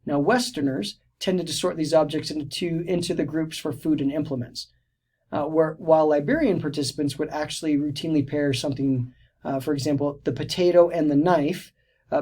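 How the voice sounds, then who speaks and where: A man's voice: fairly high pitch, fairly even intonation, fairly quick, mellow. A man narrating a recorded teacher-training lecture, explaining steadily with frequent restarts and fillers. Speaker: teacher educator.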